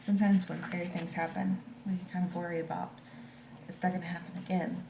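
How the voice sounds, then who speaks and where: A woman reads a picture book aloud to children and explains it informally in simple, child-friendly words. Her voice is lowish and level, and she talks fast. The room is echoey, with clear background noise.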